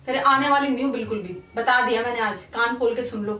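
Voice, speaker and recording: A woman's voice: a little high, fairly even intonation, fast talker, bright, forceful tone. A woman scolding her husband in a heated argument, repeating the same short question, recorded in a bedroom at home. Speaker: prank video creator. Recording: echoey room, far from mic, music behind.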